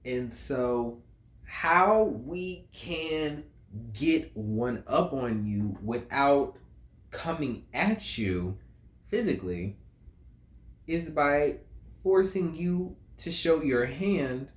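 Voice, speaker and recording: A man's voice: a little high, lively intonation. A man breaking down a song as a music reviewer, talking it through in a casual, musing way. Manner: slow, musing, reads lyrics aloud. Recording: roomy, echoey room.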